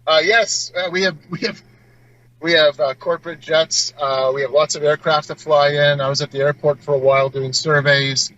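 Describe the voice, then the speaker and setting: In an informal live field report, an on-site correspondent responds to an interviewer, his voice on the high side, pushed and bright, with fairly even intonation at a moderate pace. The audio comes through a dull, lo-fi remote call.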